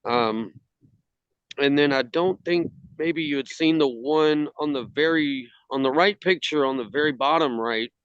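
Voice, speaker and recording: Smooth-voiced man on a dull video call. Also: on the high side, a little slow, a bit bright, dry recording. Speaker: model builder presenting his work. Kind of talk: casual slideshow talk. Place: outdoors in the cold, on a video call.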